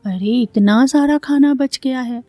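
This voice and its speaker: A woman's voice: sits high, measured pace, warm tone, no room sound, soft background music. A woman voicing a dramatic, scheming mother-in-law who talks theatrically and often sounds exasperated.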